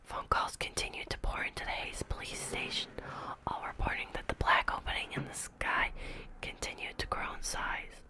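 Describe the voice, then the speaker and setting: A woman reading a horror story as whispered ASMR, in a hushed, creeping, measured manner like someone giving an official report. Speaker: ASMR reader.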